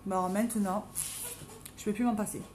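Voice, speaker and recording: A woman's voice: fairly even intonation, a little fast, darkish tone, a little hiss or hum. Chatty middle-aged woman with a Marseille accent. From Marseille, France. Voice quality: deep, strong voice. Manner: chatty, self-mocking, talks to viewers by name. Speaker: makeup live streamer. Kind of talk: casual live-stream chat while doing makeup. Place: home. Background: dogs playing now and then.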